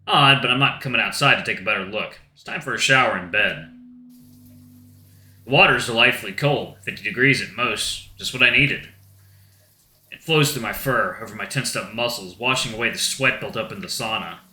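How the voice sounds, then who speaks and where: Narrating a visual novel in first person for a let's-play, this man sounds subdued and reflective. He speaks a little fast in a lowish, pushed, bright voice, with roomy echo and faint guitar music in the background.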